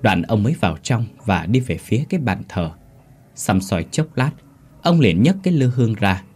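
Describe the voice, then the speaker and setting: Brief: male storyteller, low, husky, animated pitch, steady scripted narration. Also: normal speed.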